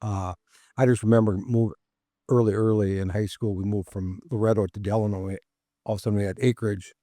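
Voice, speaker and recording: Casting note: male co-host, low mellow voice, easygoing rambling storyteller, dry close-miked sound. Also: steady tone, a little fast, dry recording. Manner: rambling anecdotes with laughs and restarts. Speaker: podcast co-host. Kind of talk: casual chat.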